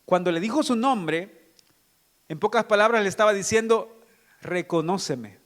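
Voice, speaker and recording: A man preaching to his congregation in a high, lifted voice. He reads scripture aloud and stops often to put questions to the listeners. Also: moderate pace, a bit bright. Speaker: pastor. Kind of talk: sermon.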